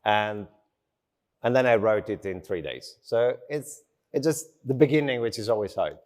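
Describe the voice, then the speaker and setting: This conference speaker, whose first language isn't English, talks tech to a live audience in an unhurried, slow way built from short phrases. His voice is fairly low, animated and a little mellow, and his humor is informal and self-deprecating.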